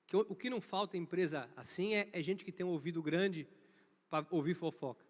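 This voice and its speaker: A man's voice: sits high, a little fast. A middle-aged Brazilian man with a Brazilian Portuguese accent, preaching a storytelling sermon in a church service and imitating sounds with his voice. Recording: reverberant church hall.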